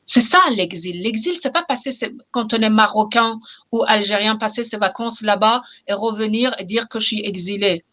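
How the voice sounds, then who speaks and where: Her voice sits in the mid range and sounds a bit bright. She is a middle-aged novelist from Iran, speaking French with a Persian accent in a reflective, passionate interview. She often pauses and repeats phrases to underline her points.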